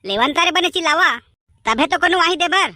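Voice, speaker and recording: A woman doing squeaky Chhattisgarhi cartoon boys. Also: animated, fairly quick, pushed and bright, full character voice. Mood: eager. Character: cheeky village boys scheming for grain. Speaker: voice actor. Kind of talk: cartoon comedy voice acting. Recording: noisy background hiss.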